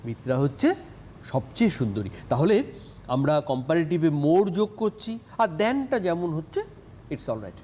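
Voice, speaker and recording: A man's voice: a little high, sing-song, normal speed, warm tone. A male teacher, giving a TV lesson on English grammar and stressing his words and syllables. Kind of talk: TV classroom lesson.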